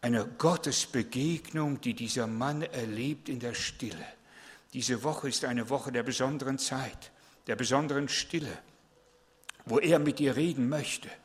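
A man's voice: mid-range voice, measured pace, in a large hall. A man preaching a sermon as pastor, stressing points with repeated words and direct questions to the congregation.

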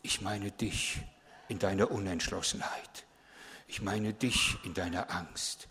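A man preaching a sermon who speaks as God, slowly and softly, to the listener. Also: sits low, fairly even intonation, in a large hall, voice pushed down, exaggerated voice. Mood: tender, solemn. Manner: soft, slow and hushed. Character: gentle, quiet God addressing the listener.

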